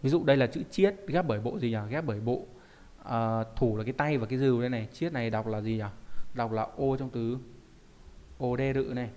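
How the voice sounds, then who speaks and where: A man's voice: mid-range voice, fast, mellow. A man teaching a Japanese kanji lesson, explaining in a conversational way and often asking rhetorical check questions.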